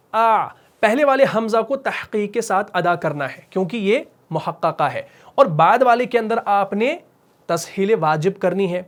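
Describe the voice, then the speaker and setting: A man teaching a Quran recitation lesson, explaining step by step and asking and answering his own questions. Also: sits high. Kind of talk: tajweed lesson.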